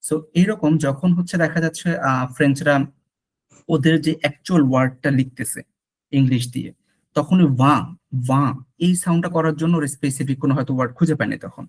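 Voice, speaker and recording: A man's voice: fairly high pitch, brisk. A man teaching French pronunciation in an online lesson, patiently repeating sounds for his student. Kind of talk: online lesson mixing Bengali and English.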